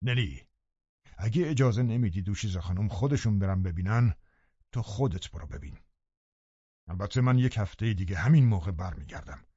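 A man's voice: on the low side, expressive, husky, dry recording, muffled recording. A man voicing a scheming, brooding middle-aged landowner who talks in a menacing way. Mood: grim low. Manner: menacing, then loudly pleading.

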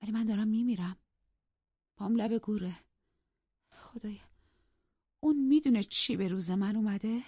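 Audiobook: woman doing an ailing, self-pitying young lady, high, pleading, frantic; dry, dull studio sound. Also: long pauses, mellow, husky, dry recording. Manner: pleading, agitated, frantic outbursts.

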